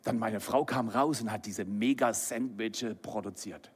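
A middle-aged man preaching a sermon, lively and animated, swinging between loud exclamations and soft whispered lines. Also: on the low side, a little slow, a little hiss or hum. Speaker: pastor.

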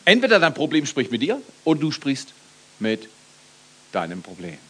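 Ein Mann mittleren Alters, der als Pastor lebhaft predigt, der Gemeinde Fragen stellt und über eigene Scherze lacht. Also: male voice, mid-range voice, moderate pace, slightly rough. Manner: lively preaching, asks the congregation questions, laughs at own jokes. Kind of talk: sermon.

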